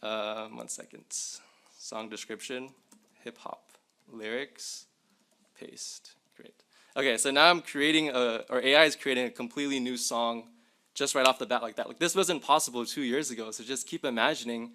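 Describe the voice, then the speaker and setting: Speaking at normal speed with a medium-pitched, bright and forceful voice, a young man demonstrates tools live at a symposium. The tech presenter keeps things chatty in the university lecture hall, talking straight to his audience.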